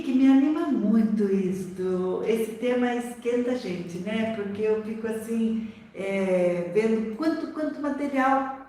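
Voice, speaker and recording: A Brazilian woman, a literacy educator, teaching in an animated live-stream talk full of rhetorical questions. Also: a little high. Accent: Brazilian Portuguese. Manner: animated, rhetorical questions, acts out quoted voices. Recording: echoey room, voice from far off.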